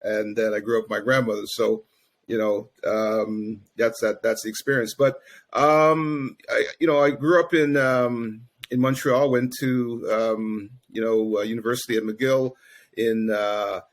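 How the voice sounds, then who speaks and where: A man's voice: on the low side, steady tone, measured pace. A middle-aged man from Grenada, a guest in a casual interview, talking easily with many fillers. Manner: easygoing, many fillers like "you know" and "um". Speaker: guest, investment firm founder.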